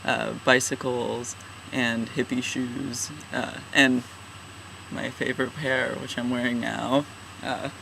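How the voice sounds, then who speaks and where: Young man, twenties, casual vlogger; halting and self-deprecating, slow delivery over a steady hum. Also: mid-range voice, vocal fry, low-quality recording. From California, USA. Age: 20s. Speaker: vlogger, regular channel contributor. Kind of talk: casual personal vlog.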